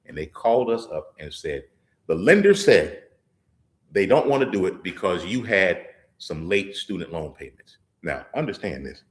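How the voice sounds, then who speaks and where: A man's voice: low voice, big pitch swings, normal speed. A man giving a sermon in a church service, talking in an emphatic, folksy way and often restarting his words. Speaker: lay preacher and trial lawyer.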